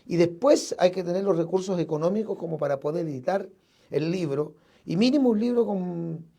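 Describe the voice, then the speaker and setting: A Chilean-accented pastor speaks to his audience in a mellow, warm tone, his voice sitting a little high for a man. He talks earnestly and casually, often circling back to repeat or restart a word. He is speaking from a radio studio. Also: fairly quick, gravelly. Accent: Chilean Spanish. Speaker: evangelical pastor. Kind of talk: casual live broadcast talk to listeners.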